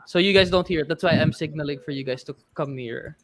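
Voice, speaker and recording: A man playing a tabletop game, playful and quick to laugh, dropping in Tagalog words. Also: on the high side, fairly bright tone, no echo. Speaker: player. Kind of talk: casual tabletop play.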